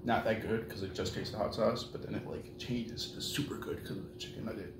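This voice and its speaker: A man's voice: on the low side, fairly even intonation, a little fast. Man, casual hot sauce taster, rambling, restarts, echoey room, noisy background. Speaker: taste tester. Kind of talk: casual chat. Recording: roomy with clear background noise.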